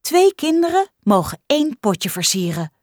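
A woman voicing a patient female kindergarten teacher in a storybook reading, speaking gently and coaxingly. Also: high-pitched, sing-song, moderate pace, no echo, studio quality, pitched above the performer's own voice.

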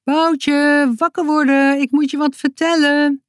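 A woman puts on a bright, eager little girl from a children's storybook, her voice lifted high and carrying. She sounds playful and quick, with a businesslike streak. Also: level tone, no room sound, studio quality.

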